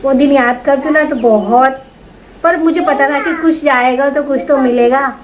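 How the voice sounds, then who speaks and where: A young woman from India, a vlogger, telling a personal story to camera in a chatty, animated way and acting out the voices of people she quotes. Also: sits high, normal speed, crowd noise, rough recording.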